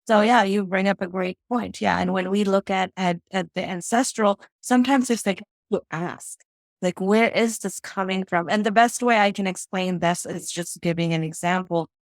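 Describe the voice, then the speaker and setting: At normal speed and medium pitch, in a dry recording, a woman from Fiji talks as a guest in a casual interview. A financial strategist, she narrates her story reflectively, checking in frequently with "right?" and "you know".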